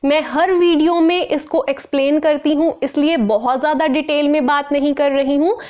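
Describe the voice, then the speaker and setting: A woman teacher explaining a lesson in a clear, slow way, repeating key terms. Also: high-pitched, steady tone, a little mellow, dull audio. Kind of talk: Hindi-English explanatory lesson.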